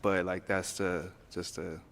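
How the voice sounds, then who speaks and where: A man's voice: low-pitched, flat delivery, measured pace, creaky, a bit bright. A man on a dating show explaining himself hesitantly, with many ums and restarts. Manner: hesitant, filler-heavy. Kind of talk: conversation.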